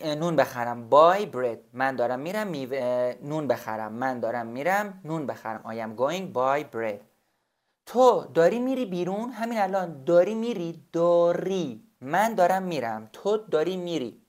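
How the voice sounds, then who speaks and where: A man teaching a beginner language lesson, patiently repeating and spelling out each example slowly. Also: fairly high pitch, expressive, a little mellow. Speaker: English teacher.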